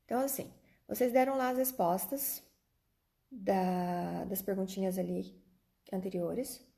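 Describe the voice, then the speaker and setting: In a steady, slightly slow voice of medium pitch, dark in tone with vocal fry, a Brazilian primary teacher leads an online class for kids. She explains step by step, talking straight to the children, and checks often that they're following, using diminutives along the way.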